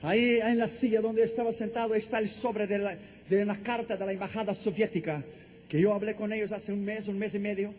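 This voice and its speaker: A man preaching a testimony in an impassioned way, building up to shouted declarations. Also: high-pitched, steady tone, brisk, a little hiss or hum. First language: Portuguese. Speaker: evangelist. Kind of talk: testimony sermon.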